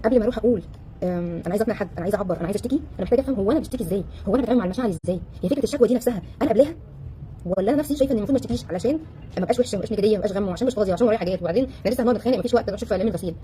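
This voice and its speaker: A woman with an Egyptian Arabic accent coaching a live audience in a casual, animated way, firing off rhetorical questions and acting out the voices of the people she quotes. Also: medium pitch, racing, a little hiss or hum. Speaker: relationship coach.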